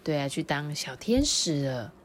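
A mother gently reading a picture book to her child in a sing-song storytelling way, then asking the child questions. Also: low-pitched, sing-song, moderate pace, a little hiss or hum.

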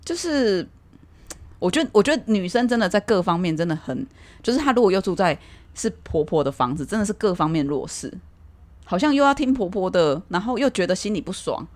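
A woman's voice: mid-range voice, big pitch swings, brisk, darkish tone. A young woman, co-hosting a casual chat, laughing often and explaining with examples. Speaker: podcast co-host.

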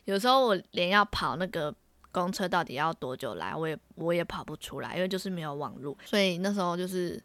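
A woman's voice: lowish voice, fast, dry recording. A young woman from Taiwan, co-hosting a podcast and telling casual stories with many restarts. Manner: animated, laughing often, with many restarts. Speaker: podcast co-host. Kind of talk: casual storytelling chat.

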